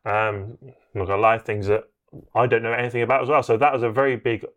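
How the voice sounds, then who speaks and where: A man's voice: medium pitch, level tone, fast talker, a bit bright. A young man, co-hosting a wedding podcast in casual, rambling chat. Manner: rambling, restarts, friendly. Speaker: podcast co-host, wedding videographer.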